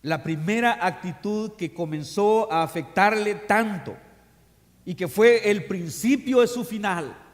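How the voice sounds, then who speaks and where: A man, a pastor, preaching a sermon to his congregation during an evening service, reading scripture aloud and speaking to them directly. He swings between loud proclamations and quiet, confiding asides. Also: high-pitched, unhurried. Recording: long reverb of a church hall.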